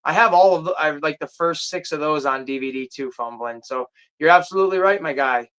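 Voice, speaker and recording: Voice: medium pitch, a little fast, fairly bright tone. Rambling casual livestream host. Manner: rambling, searches aloud for titles; chatty, drifts off topic. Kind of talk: casual chat reading viewer comments.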